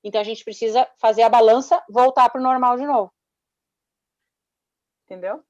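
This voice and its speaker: A woman's voice: on the high side, fairly even intonation, normal speed, a little mellow. Woman, doctor, teaching tone, video call, dull sound. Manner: didactic, checks understanding with tag questions. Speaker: doctor giving a health talk. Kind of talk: explaining to an online audience.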